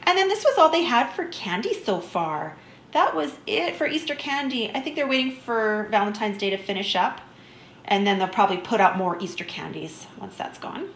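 A woman's voice: on the high side, expressive, normal speed, a little hiss or hum. Chatty woman in an echoey room. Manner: chatty, easygoing, enthusiastic about small finds. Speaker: vlogger. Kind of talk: shop-with-me voice-over narration.

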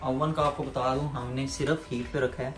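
A man's voice: mid-range voice, little pitch movement, normal speed. Man, cooking vlog host, casual step-by-step explaining, echoey kitchen, music playing behind. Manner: chatty, explains each step to viewers. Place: home kitchen. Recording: echoey room with background music.

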